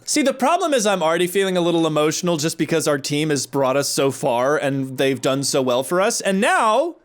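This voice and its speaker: A woman giving casual gameplay commentary as a let's player, jokey and gushing, swinging between excitement and emotion. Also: low-pitched. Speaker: let's play gamer.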